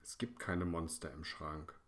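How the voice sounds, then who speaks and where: A man's voice: a bass voice, fairly even intonation, unhurried. A man doing a grumpy, bossy big brother. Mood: annoyed. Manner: irritated, bossy.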